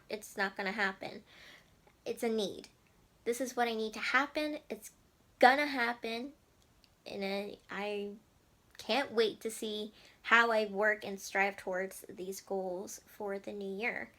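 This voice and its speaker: A woman's voice: fairly high pitch, fairly bright tone. A woman in her twenties chatting casually to camera as a vlogger, rambling with many fillers and restarts. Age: 20s.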